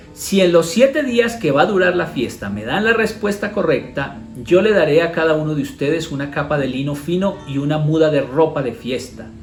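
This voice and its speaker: A male pastor with a Colombian Spanish accent and a somewhat high voice teaches a devotional. He reads scripture aloud, then breaks it down with rhetorical questions. The room echoes, and soft guitar music plays faintly behind him.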